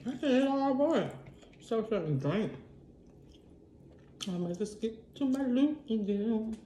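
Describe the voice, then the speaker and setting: Una mujer que come y charla de forma relajada en un vlog, hablando con la boca llena mientras mastica. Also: female voice, a little high, slow, roomy sound, a little hiss or hum. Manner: relaxed, talks between bites with food sounds. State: mouth full, chewing. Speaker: mukbang vlogger. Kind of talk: casual eating vlog chat.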